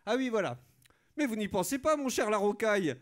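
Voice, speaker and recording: Man doing a pompous warmongering nobleman, bombastic, high excited voice, radio comedy. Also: fairly quick. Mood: gleeful. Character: bloodthirsty pompous male aristocrat.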